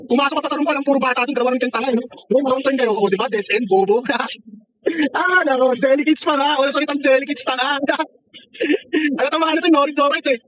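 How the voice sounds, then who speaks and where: A man's voice: very high-pitched, fast talker, fairly bright tone, lo-fi sound, a little hiss or hum. A man trash-talking other players over game voice chat, mocking and taunting them, laughing often and swearing freely. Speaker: online gamer.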